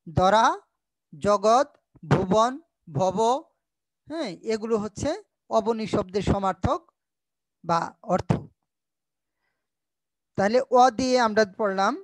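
A woman teacher with a Bangladeshi Bengali accent giving a recorded school lesson, patiently repeating each point and sounding out words slowly. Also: on the high side, no echo, low-quality recording.

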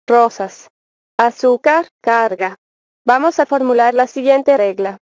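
A woman reading a spelling lesson as scripted instruction, dictating words slowly and carefully. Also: on the high side, a little mellow, no room sound, clean studio sound. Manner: slow, careful word-by-word dictation. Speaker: narrator of a spelling course.

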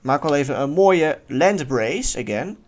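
A man giving casual let's-play commentary in a lively way, swearing now and then and yelling at near misses. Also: fairly high pitch, unhurried. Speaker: gaming YouTuber.

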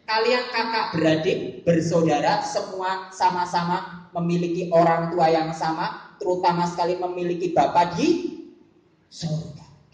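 A woman preaching at a school worship service, often asking her listeners questions. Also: medium pitch. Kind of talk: sermon to students. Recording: echoey room.

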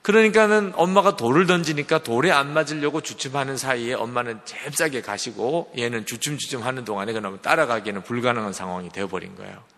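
A man's voice: medium pitch, fast talker, few pauses, fairly bright tone. A male pastor preaching a sermon, telling a story and often putting questions to the congregation. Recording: long reverb of a large hall.

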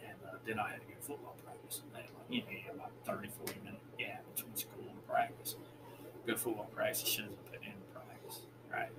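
A man's voice: lowish voice, steady tone, fast talker. A man co-hosting a podcast, telling stories in a loose, profane, laughing way. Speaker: podcast co-host. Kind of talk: casual storytelling. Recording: noisy room ambience.

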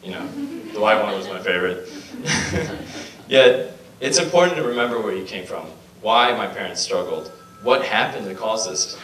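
A man's voice: lowish voice, lively intonation, moderate pace, fairly bright tone. A young man born in Bosnia giving an earnest prepared speech at a podium with a handheld mic, with some restarts and fillers. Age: young adult. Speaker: student speaker. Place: lecture hall. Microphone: handheld mic, filmed from far. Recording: echoey hall, far from camera mic, faint hum.

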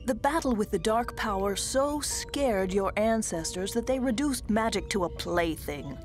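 Actress as old female troll mentor, cartoon, drama-teacher grandeur, solemn, mid-pitched, unhurried, prominent music. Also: animated, natural voice. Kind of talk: animated cartoon dialogue.

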